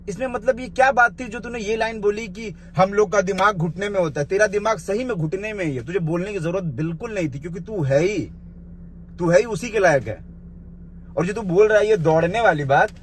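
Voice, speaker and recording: A man's voice: sits high, a little hiss or hum. A man delivering a confrontational point-by-point rant to camera, bluntly scolding someone he addresses directly. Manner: scolding, addresses the listener with the blunt informal 'you'; point-by-point rebuttal. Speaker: vlogger responding to a rival's live video.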